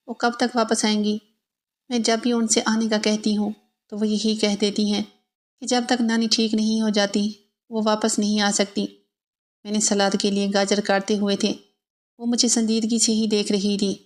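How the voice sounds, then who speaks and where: A woman narrating a scripted first-person story in an even, steady reading. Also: mid-range voice.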